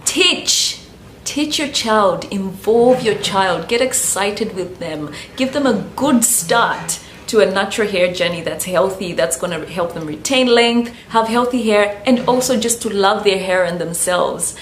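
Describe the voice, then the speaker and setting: This natural hair vlogger from Zambia chats casually to camera about hair care, peppering her talk with "you know." Her medium-pitched voice has lively intonation and a measured pace, with slight background noise. Echo and faint ambience fill the room.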